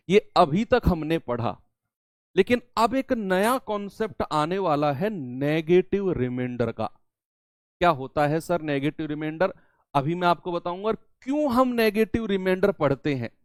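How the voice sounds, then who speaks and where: This maths teacher has a high-pitched voice and works through a classroom lesson by asking questions and supplying the answers himself. He repeats key terms twice in two different languages, captured in clean studio sound with no echo.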